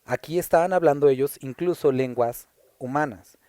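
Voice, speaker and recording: Dry, mellow Mexican pastor teaching. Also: male voice, mid-range voice, normal speed, no room sound. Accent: Puebla Mexican Spanish. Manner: explains verse by verse, asks rhetorical questions. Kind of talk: conversational Bible teaching.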